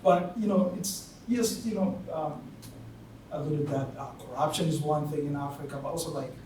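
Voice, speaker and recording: A man speaking from the audience at a panel, halting and searching for words with many fillers. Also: on the high side, dark tone. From Tanzania. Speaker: audience member. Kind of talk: spoken remarks at a panel discussion. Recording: very echoey hall from far off, noisy.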